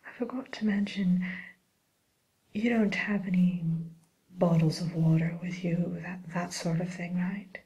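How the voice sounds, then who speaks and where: A woman playing a sly, genteel wicked witch in an ASMR roleplay, speaking in a breathy whisper with polite, coaxing hesitations. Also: lowish voice, fairly even intonation, warm tone, dull audio. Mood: sly, probing. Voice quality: breathy whisper, mostly unvoiced. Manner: slow, polite, hesitant, coaxing tag questions.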